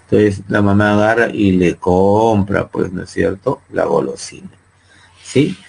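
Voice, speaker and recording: A man with a Peruvian Spanish accent lectures his psychology students in a low, gravelly voice with a husky edge. He explains patiently and keeps checking in with tag questions to see whether the class is following. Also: unhurried, darkish tone. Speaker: psychology teacher.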